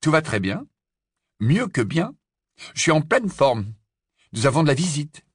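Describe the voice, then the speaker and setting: A man's voice: high voice, huge pitch swings, takes it slowly, fairly bright tone, slightly rough, no room sound, studio quality, pitched above the performer's own voice, heavily acted. Harry Potter, a man voicing an urgent teen boy. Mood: upbeat. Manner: urgent, pleading. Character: teenage boy wizard, firm and pleading.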